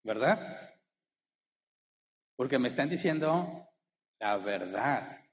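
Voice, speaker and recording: A man's voice: medium pitch, expressive, slow. Man preaching a sermon in a reverberant hall. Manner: asks the congregation rhetorical questions. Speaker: pastor. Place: church hall.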